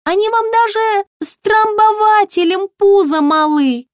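A woman's voice: very high voice, steady tone, unhurried, no room sound, clean studio sound, pitched above the performer's own voice. A woman reading an audiobook, voicing a chirpy, pushy young female shop assistant with a ringing voice. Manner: bright, ringing, relentlessly chatty.

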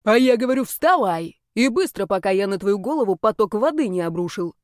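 A woman voicing a pushy, fashion-obsessed male snake creature who bosses and teases loudly. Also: medium pitch, animated, brisk, dry recording, clean studio sound, natural voice. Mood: bossy. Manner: bossy, shouting, teasing.

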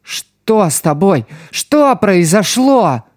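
A man's voice: high voice, sing-song, no echo, clean studio sound, pitched above the performer's own voice, full character voice. A man reading an audiobook, voicing a desperate young street boy who pleads and cries out for help. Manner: crying out, pleading, drawn-out shouts.

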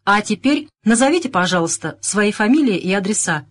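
A woman's voice: mid-range voice, lively intonation, a little fast, natural voice. A woman voicing an irate male police inspector who barks orders. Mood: commanding. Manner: barking, shouting orders.

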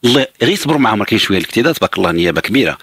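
A man's voice: lowish voice, big pitch swings, very fast, a bit bright, husky, no echo. A Moroccan man hosting a radio call-in show, explaining options to a caller in a patient, reassuring way. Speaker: radio advice host.

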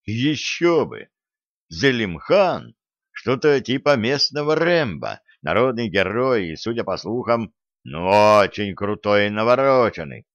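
A man's voice: fairly low pitch, very animated, unhurried, dry recording, highs cut off. A man voicing a brash, mocking special-forces commander in an audiobook reading. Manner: scornful, provoking.

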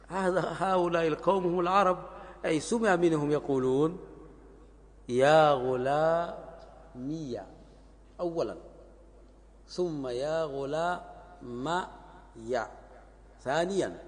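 Sheikh teaching grammar, repeats examples slow and careful, long echo in the hall. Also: male voice, mid-range voice, a little hiss or hum. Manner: repeats phrases and examples slowly for students. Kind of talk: classical grammar lesson explaining a text.

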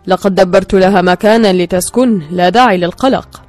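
A woman reading the part of a middle-aged man who speaks with calm assurance. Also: medium pitch, a little fast, soft background music, lightly acted. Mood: assured. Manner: assured, firm.

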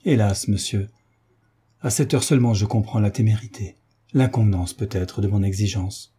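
A man's voice: lowish voice, moderate pace, dark tone, breathy edge. A man voicing a timid, frightened young woman in an audiobook reading, speaking faintly and pleadingly. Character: young woman, anxious, proud yet timid.

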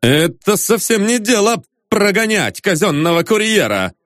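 A man's voice: high-pitched, sing-song, a little slow, fairly bright tone, no room sound, clean studio sound, voice pushed up, heavily acted. A man reading aloud, voicing a stern, brash male con man who speaks in curt commands.

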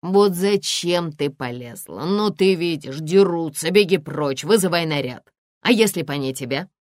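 A curt, reserved husband, as a woman reads him in an audiobook, terse and reproachful. The voice is low and the recording is dry and close. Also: lively intonation, normal speed, no echo.

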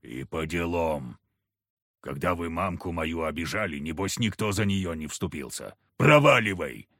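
A man voicing a gruff, sullen big village hunter who grumbles curtly. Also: sits low, animated, a little slow, fairly bright tone, no room sound, studio quality, pitched below the performer's own voice, full character voice. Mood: angry. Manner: grumbling, curt.

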